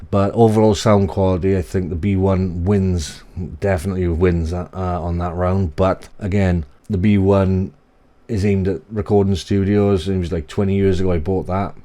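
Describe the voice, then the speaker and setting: A mellow man in his thirties with a deep, bassy voice rambles through an off-the-cuff gear review, casually correcting himself as he goes. He's a tech reviewer in a small home office, talking into a USB desk mic on a boom arm.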